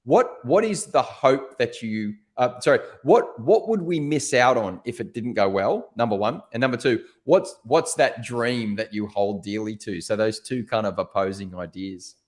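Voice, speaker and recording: A man's voice: medium pitch, expressive, normal speed, hardly any pauses. A middle-aged man hosting a leadership interview, asking his questions in a friendly, encouraging way. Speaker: podcast host. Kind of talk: conversational interview.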